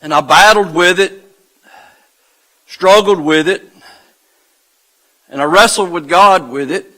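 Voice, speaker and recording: Slow, bright-voiced pastor preaching. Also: male voice, high-pitched, low-quality recording. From United States. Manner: slow, deliberate delivery with dramatic pauses and rising intensity. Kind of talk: sermon. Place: church sanctuary. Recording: live church livestream.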